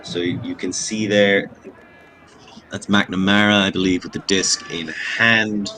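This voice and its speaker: A man's voice: sits low, little pitch movement, takes it slowly, pushed and bright, a little hiss or hum, low-quality recording. A man giving live play-by-play commentary, chatty and analytical, with self-deprecating asides. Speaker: sports commentator.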